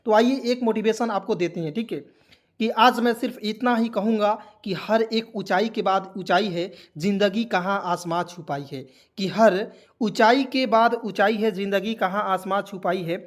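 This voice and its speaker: A man's voice: sits high, normal speed. A man giving an online English lesson, repeating points and answering his own questions, with a preachy motivational tone and frequent friendly fillers. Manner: keeps saying "okay" and "friends" as fillers. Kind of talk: spoken lesson to a video audience.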